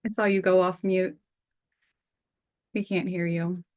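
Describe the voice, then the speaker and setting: A woman's voice: fairly low pitch, level tone, unhurried, a little mellow. A woman hosting a workshop on a video call, inviting each participant to share in a friendly way. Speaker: host, workshop facilitator. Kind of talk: leading introductions on a video call.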